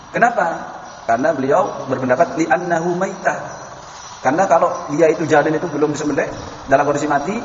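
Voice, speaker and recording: A man giving an Islamic lecture, reciting Arabic verses, addressing listeners as sir and madam, and telling anecdotes. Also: on the high side. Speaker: Islamic preacher lecturing a class. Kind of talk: religious lecture on halal food. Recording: echoey hall, muffled, faint background noise.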